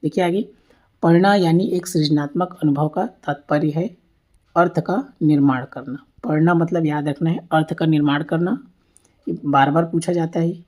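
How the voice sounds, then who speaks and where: A woman's voice: low voice, steady tone, moderate pace, a little mellow. A woman teacher giving an exam-prep lecture over slides, often asking and then answering her own questions and repeating key points.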